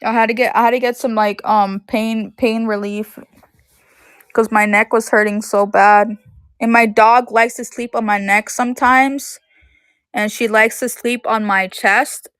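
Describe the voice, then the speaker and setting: A woman's voice: a little high, steady tone, unhurried, fairly bright tone, smooth, no room sound. Woman, thirties, home live-stream seller; loose rambling chat, dry close recording. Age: 30s. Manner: rambling, heavy use of "like". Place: at home in her room.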